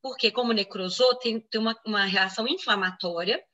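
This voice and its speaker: A fairly high-pitched woman, a physician, tells a medical story in an interview at a quick clip. Her voice is bright and forceful, and she acts out the people she quotes. The recording sounds slightly dull and lo-fi. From Brazil. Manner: explanatory, quoting others in lively reenactment. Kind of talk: interview answers, personal medical account.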